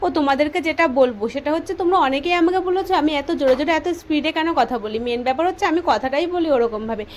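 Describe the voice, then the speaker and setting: A young woman vlogger from West Bengal, India, rushes through a casual voice-over in a high, light voice, with a faint ambient hum behind her. She's chatty, addresses viewers directly, and says she's speaking softly for this recording.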